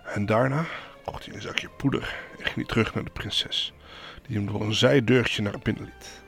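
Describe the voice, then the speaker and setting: A man's voice: on the low side, fairly even intonation, normal speed, creaky, a bit bright. A man hosting a podcast, retelling a fairy tale casually with wry, joking asides. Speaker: podcast host, storyteller.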